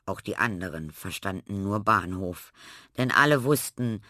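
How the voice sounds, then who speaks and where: A man narrating a children's storybook in a lively, expressive way. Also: fairly low pitch, measured pace, dry recording, studio quality.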